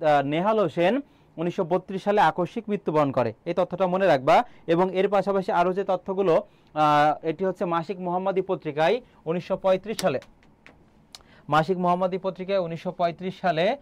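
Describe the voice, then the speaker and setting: A young man teaching an online exam-prep class, quizzing students and repeating key answers, with frequent filler sounds. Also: high-pitched.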